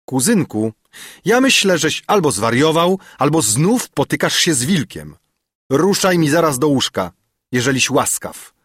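A man voicing a gruff, mocking old grandfather. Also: mid-range voice, animated, unhurried, no room sound, studio quality, pitched above the performer's own voice. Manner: scolding, sarcastic.

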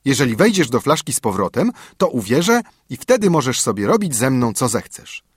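A man's voice: medium pitch, big pitch swings, fairly quick, slightly rough, no room sound, clean studio sound. A man voicing a clever, fearless young son in a fairy tale, speaking in a raised, eager tone. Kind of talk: storybook narration.

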